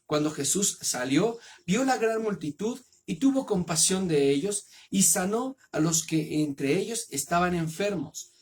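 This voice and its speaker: A man with a Mexican accent reading the Bible aloud and then preaching on it in an earnest, measured way. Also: high-pitched, lively intonation, husky.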